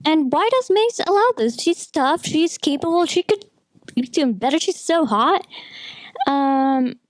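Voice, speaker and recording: A film critic and video essayist delivers partly scripted, opinionated commentary in a rambling, conversational style with plenty of asides. Her voice sits high and sounds animated yet unhurried, with no room sound.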